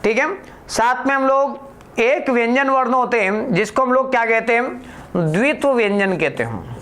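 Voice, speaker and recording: A man teaching a grammar lesson for exam students in a slow, deliberate way, putting questions to the class and answering them himself. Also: extremely high pitch, animated, a bit bright, slight background noise.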